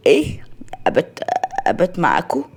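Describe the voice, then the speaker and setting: Brief: woman voicing shy humble young woman, low quiet voice, Egyptian accent, storybook. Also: huge pitch swings, brisk, creaky, slightly rough, full character voice. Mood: subdued. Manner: quiet, subdued speech.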